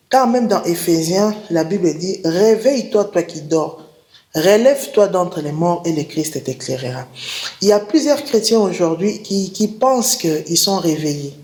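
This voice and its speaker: Halting woman preacher in an echoey room. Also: on the low side, darkish tone. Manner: halting, repeats and restarts words, reads verses slowly. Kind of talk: spoken testimony with scripture reading. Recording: roomy echo.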